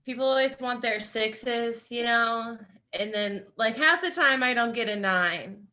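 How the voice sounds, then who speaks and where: Slow, bright American woman comic. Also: fairly high pitch. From United States, Nebraska. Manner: bubbly, giggly delivery. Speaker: stand-up comedian. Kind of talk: stand-up set.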